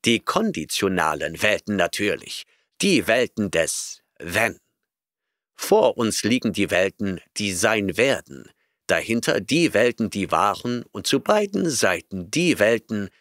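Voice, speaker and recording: A man's voice: on the low side, very animated, unhurried, fairly bright tone, no echo, clean studio sound. A man reading an audiobook voices an arrogant, eccentric male professor who lectures impatiently and snorts at his listener.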